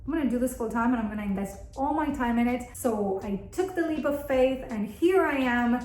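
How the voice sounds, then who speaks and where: Here a 38-year-old Argentine woman, a native Spanish speaker, talks to her viewers with casual candor as a cheerful video host and content creator. Her voice sits on the high side, a little mellow, brisk, with lively intonation. The recording comes from her home bathroom, where the room gives an echo.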